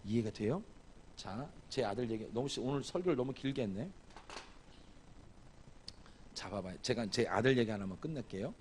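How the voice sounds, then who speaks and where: A man's voice: mid-range voice, animated, moderate pace, pauses often, a little mellow, slight background noise. A man preaching a revival sermon as guest pastor, asking the congregation questions and acting out dialogue from a family story. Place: church sanctuary.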